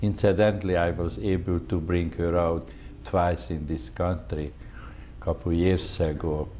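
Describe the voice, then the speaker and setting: A Hungarian-accented man in his seventies speaks English slowly in a very low, dark, mellow voice. He halts often and searches for words, and he stays polite throughout. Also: little pitch movement, a little hiss or hum. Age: 70s. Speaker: veteran interviewee. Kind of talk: oral history interview.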